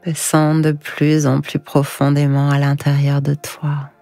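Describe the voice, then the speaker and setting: A woman guiding sleep hypnosis in a hushed, breathy, soothing voice, slow and whispered right in the listener's ear. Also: low-pitched, completely flat delivery. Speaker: hypnosis guide. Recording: echoing voice over music. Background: music.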